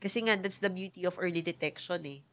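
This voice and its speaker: A middle-aged woman telling her own story as a guest in a talk show interview, soft-spoken and reflective, switching into English now and then. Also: lowish voice, a little fast. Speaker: interview guest, cancer survivor.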